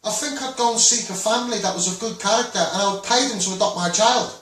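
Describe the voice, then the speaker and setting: Speaking fast in a high, slightly bright voice, a Scouse man campaigning for children's rights rambles passionately and bluntly to an online audience, circling back over the same points. He sounds distant from the mic, in a very echoey room.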